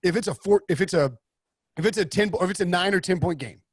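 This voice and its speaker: A man hosting a casual sports betting podcast, talking in an animated, rambling way with many restarts. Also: sits high, quick pace, breathy edge, no room sound, clean studio sound. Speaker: podcast host.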